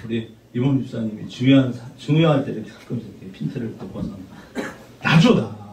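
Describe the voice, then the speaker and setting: A middle-aged man preaching a sermon as pastor, conversational and animated, teasing his congregation. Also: mid-range voice, fast, a little hiss or hum. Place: church sanctuary. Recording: roomy church sound from a distant mic.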